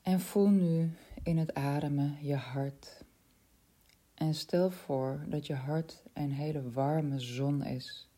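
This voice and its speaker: A woman leading a spiritual guided meditation in a soft, slow voice that often drops to a whisper. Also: low-pitched, steady tone.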